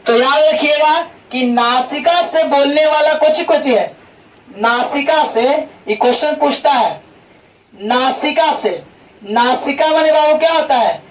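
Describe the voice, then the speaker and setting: A man's voice: very high-pitched, slow. A man teaching an online class, drilling each point with repeated rhetorical questions. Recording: distant mic with faint background noise.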